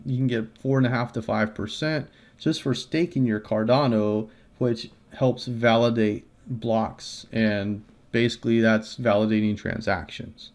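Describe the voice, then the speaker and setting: Male creator, mid-pitched, casual tutorial read with loose fillers and restarts, close mic. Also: darkish tone. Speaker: crypto video creator. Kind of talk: casual explainer walkthrough.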